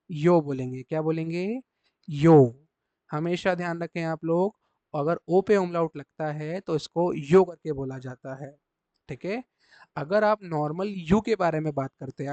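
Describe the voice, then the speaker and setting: A man's voice: on the high side, a little mellow, no echo. A man teaching a beginner language lesson, asking questions and repeating each answer. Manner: repeats each answer in call-and-response quizzing. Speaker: German teacher.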